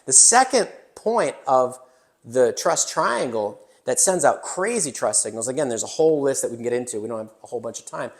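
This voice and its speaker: A man hosting a casual business podcast from a new studio, animated and joking, with mild swearing. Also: mid-range voice, brisk. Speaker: podcast host. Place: newly built indoor studio.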